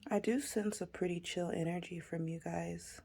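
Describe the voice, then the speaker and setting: A woman who has just woken up, giving a casual, laid-back tarot reading in a raspy voice that drifts toward a whisper. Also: fairly low pitch, fairly even intonation, mellow. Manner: laid-back, unhurried, pausing often. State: just woke up. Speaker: tarot reader hosting a pick-a-card reading.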